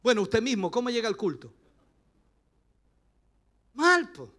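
A middle-aged man with a Chilean accent, preaching a sermon as pastor, passionate and rising to shouts. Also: very high-pitched, sing-song, a little slow.

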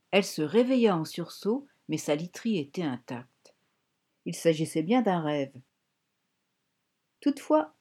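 A woman narrating a novel as an audiobook, in a measured, expressive reading. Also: medium pitch. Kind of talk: scripted narration.

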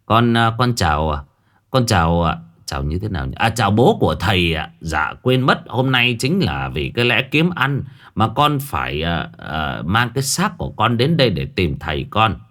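A man voicing a cheeky young hustler who talks in fast, showy patter. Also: on the low side, sing-song, a bit bright. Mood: wheedling. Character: boastful young male hustler, cheeky sidekick.

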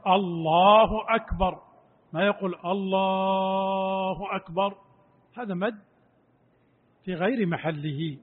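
A man's voice: high-pitched, husky. A man teaching a religious lesson, explaining point by point, repeating phrases for emphasis and demonstrating pronunciations aloud. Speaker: sheikh teaching a text. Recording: tinny phone-like lo-fi recording.

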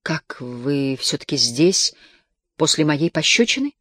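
A man reading the lines of a weary, desperate young peasant woman in an audiobook, keeping his speech soft and hushed. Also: fairly high pitch, very animated, measured pace, dry recording, clean studio sound, heavily acted.

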